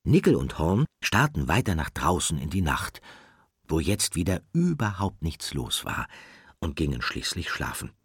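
A man narrating a children's audiobook in a calm, deliberate storytelling manner. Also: rumbling low, breathy edge, no room sound, studio quality.

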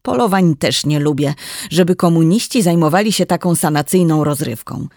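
Narrator playing a firm, earnest wife in a storybook, gravelly voice, dry close sound. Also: medium pitch, normal speed, no room sound, close to an everyday voice. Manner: calm, then firm and warning. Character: woman doctor nearing forty, steady wife.

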